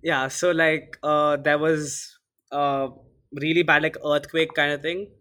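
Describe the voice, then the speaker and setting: Bright-voiced teen boy co-hosting a podcast. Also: on the high side, level tone, slow. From India. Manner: casual, many fillers like "like" and "uh". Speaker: podcast co-host. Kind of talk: casual podcast chat.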